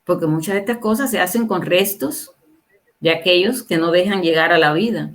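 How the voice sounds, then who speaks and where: A woman's voice: lowish voice, normal speed. Emphatic woman in her sixties. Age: 60s. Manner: emphatic, asks the audience rhetorical questions. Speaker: guest on a livestream interview. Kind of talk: casual opinionated talk.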